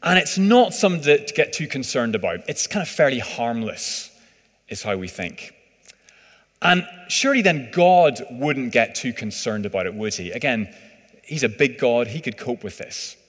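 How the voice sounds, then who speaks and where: A man's voice: mid-range voice, animated, normal speed. A man preaching a sermon in a conversational, hesitant way, full of fillers. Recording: reverberant hall.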